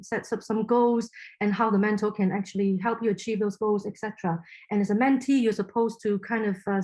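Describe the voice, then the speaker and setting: A woman's voice: mid-range voice, darkish tone, poor audio. A woman from Hong Kong whose first language is Chinese, a podcast guest talking thoughtfully with frequent fillers and restarts. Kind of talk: casual interview talk.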